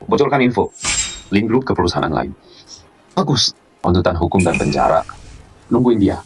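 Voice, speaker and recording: A composed young manager in a dubbed drama. His voice sits low but moves a lot in pitch, and his words come out cold and cutting. Loud music plays behind him. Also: very animated, moderate pace. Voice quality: cool, cutting. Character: calm young man hiding his power, cool and cutting. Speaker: company general manager.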